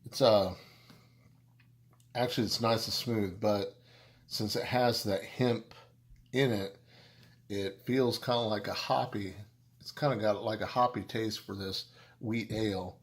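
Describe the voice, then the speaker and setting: Low-voiced man rambling through a beer review. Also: fairly even intonation. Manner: rambling, halting, with many restarts and fillers; jokey and self-deprecating. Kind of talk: casual beer review vlog.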